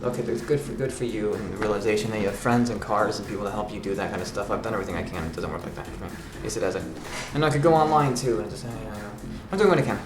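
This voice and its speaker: A man's voice: on the low side, racing, few pauses. A man chatting casually to his vlog audience, rambling and often repeating himself as he restarts phrases. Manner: refers to himself in third person as grandpa. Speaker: vlog host. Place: sparsely furnished apartment room. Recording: echoey room with background music.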